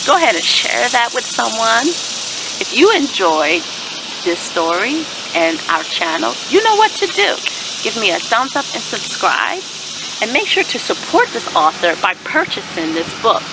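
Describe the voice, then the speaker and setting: Her voice is on the high side with big swings in pitch, and there is noise in the background. This storyteller, who runs a children's read-aloud channel, reads expressively in a teacherly manner. She invites responses by posing questions and then pausing to affirm what listeners say.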